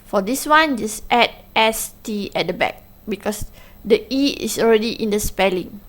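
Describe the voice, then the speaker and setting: A woman, explaining English grammar as a teacher, going slowly and switching into Malay to explain. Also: mid-range voice. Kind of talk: classroom lesson narration.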